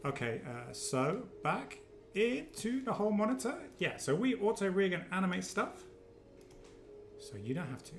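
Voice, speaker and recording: A man runs a casual livestream product demo, chatty and quick to joke. His voice sits fairly high. The room around him rings with a noticeable echo. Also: big pitch swings, vocal fry. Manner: joking, chatty, upbeat. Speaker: company presenter on a livestream. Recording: roomy echo.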